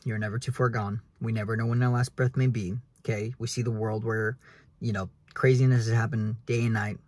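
A man's voice: on the low side, flat delivery, brisk, darkish tone, no room sound. A young man talking earnestly about faith to his phone camera from inside a car, preachy and repeating "guys". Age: young adult. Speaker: realtor vlogger. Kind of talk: casual faith talk to camera. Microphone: phone at arm's length.

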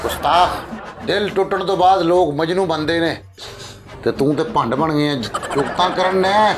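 Guy doing a pompous fake baba, high voice, punjabi accent, chanting nonsense, loud music behind. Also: measured pace, natural voice. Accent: Punjabi, Pakistani. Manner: pompous mock-mystic chanting. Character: fake holy man, pompous and scheming, male. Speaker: comedian playing a fake baba. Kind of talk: comedy sketch.

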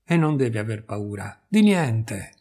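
A man's voice: fairly low pitch, very animated, slow pace, darkish tone, slightly rough, pitched below the performer's own voice, heavily acted. A man doing an insistent, coaxing old mother. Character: anxious coaxing older mother.

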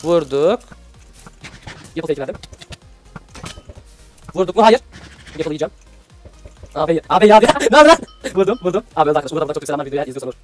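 Young guy from adana doing gameplay commentary, high voice, talks super fast, slangy and hyped. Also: soft background music. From Adana, Turkey. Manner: excitable, chatty, casual slang to viewers. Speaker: gaming YouTuber.

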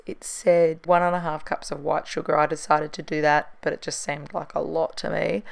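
A cooking vlogger in her thirties does a chatty voice-over about what she made, laughing at her own shortcuts and poking fun at herself. Her voice is low and gravelly.

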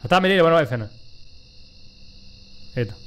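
A man with an Egyptian Arabic accent giving excitable, joking let's play commentary, talking back to the game. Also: a little high, very fast, slight background noise. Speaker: gaming YouTuber.

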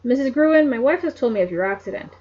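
A woman's voice: sits high, animated, fast talker, a little mellow, lo-fi sound. A woman reading an earnest country doctor. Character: lanky, earnest middle-aged male doctor.

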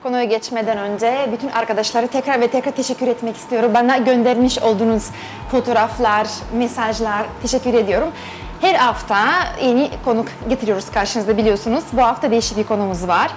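A woman's voice: on the high side, fairly even intonation, fast talker, soft background music. A middle-aged woman with a foreign accent hosts a casual interview in slightly broken, non-native Turkish. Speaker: talk show host. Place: TV studio. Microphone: lapel mic.

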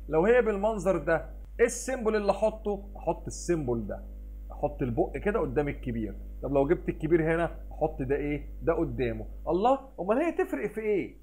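A man with an Egyptian Arabic accent, teaching a recorded math lesson for children. He asks questions and answers them himself, mixes in English math terms and reads numbers out slowly. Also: a little high, a little mellow.

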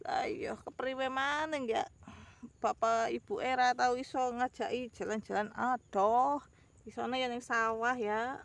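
This woman's voice is a little high and gravelly, steady in tone and a touch slow. A Javanese ngapak speaker in her thirties, she rambles through a casual outdoor vlog by the rice fields, calling viewers guys while filming on a phone at arm's length.

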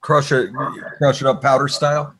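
A man with a husky voice chatting casually on a video call in a joking, teasing way. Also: medium pitch, level tone, moderate pace, fairly bright tone. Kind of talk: casual chat.

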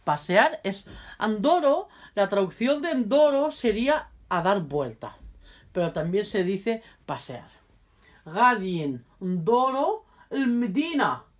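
A woman giving a casual video lesson, repeating phrases carefully for viewers and chatting in quick asides while she handles her cards. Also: medium pitch, sing-song. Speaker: language teacher.

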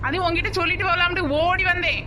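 A woman's voice: very high voice, flat delivery, quick pace, a loud crowd, very noisy. A woman voicing a greedy young village woman obsessed with biryani, with a southern Tamil accent and a pleading, whiny manner. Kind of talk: cartoon voice acting.

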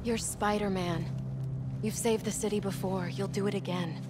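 A sly, defiant American cat burglar, voiced by a woman for a video game. She sounds cool and sardonic, with loud music behind her. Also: medium pitch, steady tone, moderate pace, close to an everyday voice. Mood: guarded, low.

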